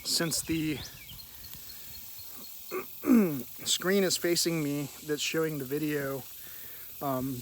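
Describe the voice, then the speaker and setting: A man vlogging outdoors in a halting, meandering, reflective way, often clearing his throat. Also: fairly high pitch. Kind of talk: rambling, reflective spoken vlog. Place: outdoors in a park by a river. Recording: hissy outdoor recording with insect noise. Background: cicadas, birds, hiss and nearby traffic.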